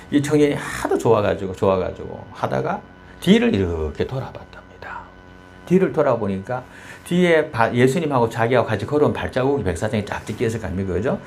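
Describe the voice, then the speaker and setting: A man's voice: mid-range voice, creaky, darkish tone, slight background noise. A male pastor preaching a sermon, telling a story with many rhetorical questions and tag words.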